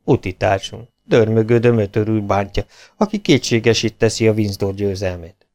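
Sly low-voiced schemer, as a man voices him. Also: a little mellow, natural voice. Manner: confiding, conspiratorial. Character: sly red-faced jockey-capped schemer.

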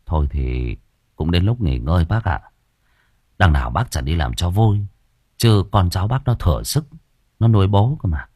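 Guy doing a blunt cussing young dude, low voice, snappy. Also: sing-song, moderate pace, pauses often, darkish tone, slightly rough, no echo, clean studio sound, exaggerated voice. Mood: consoling. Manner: curt, swearing, scolding. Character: young man, blunt and gruff friend. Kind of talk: audiobook character voice.

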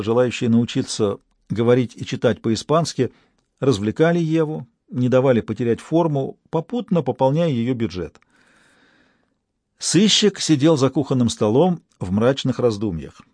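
A man narrating a detective novel as an audiobook in a measured, even way. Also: medium pitch, no room sound. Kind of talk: scripted narration.

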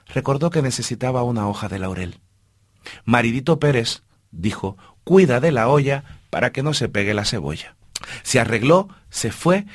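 Husky playful radio storyteller man. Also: medium pitch, no echo, clean studio sound. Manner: rhythmic, playful repetitions.

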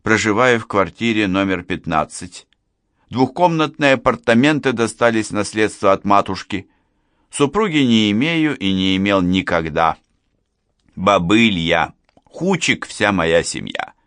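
A man's voice: lowish voice, animated, a little slow, a bit bright, clear, resonant tone, no room sound, clean studio sound. A man voicing a fretful, talkative retired postman, older and self-pitying, in an audiobook. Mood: plaintive. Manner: plaintive, wordy, self-pitying.

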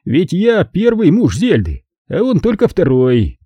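Man voicing a haughty rough-voiced German count. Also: high voice, wildly swooping pitch, measured pace, dark tone, dry recording, pitched above the performer's own voice, full character voice. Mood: mocking. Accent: slight German. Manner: lazy, condescending, teasing. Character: bald, heavy, haughty German count, mocking.

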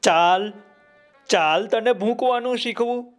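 A man's voice: high-pitched, measured pace, soft background music. A man voicing a clever, smug male parrot with a chirpy sing-song delivery.

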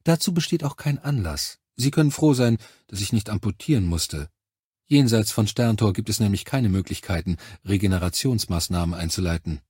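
Guy reading an audiobook doing a brisk lady army doctor, bossy and practical, husky voice, dry close sound. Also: lowish voice, expressive, a little mellow, no echo. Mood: firm. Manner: firm, matter-of-fact, briskly commanding. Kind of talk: audiobook character voice.

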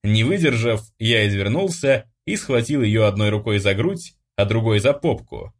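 Expressive male audiobook narrator. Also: on the low side, normal speed. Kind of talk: first-person audiobook narration.

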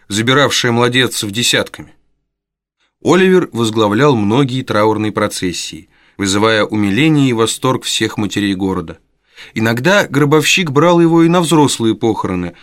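A man reading a classic novel as an audiobook, with expressive, dramatic storytelling on a close studio mic. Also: mid-range voice, dry recording. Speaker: narrator. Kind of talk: scripted audiobook narration.

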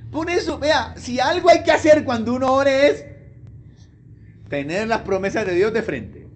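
Pastor, very high voice, keeps asking the church questions. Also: male voice, lively intonation, a little slow, slight background noise. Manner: conversational, asks the congregation questions. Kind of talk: sermon.

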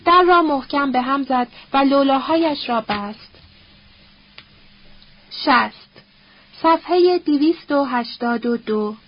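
High-voiced woman reading a novel. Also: pauses often. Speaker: audiobook narrator. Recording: dull lo-fi recording.

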